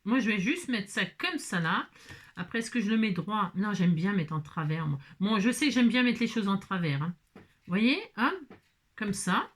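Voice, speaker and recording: A woman's voice: mid-range voice, lively intonation, moderate pace. An older woman hosting a casual crafting tutorial, talking chattily to her viewers. She rambles, corrects herself often and laughs lightly as she works. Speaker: craft video host.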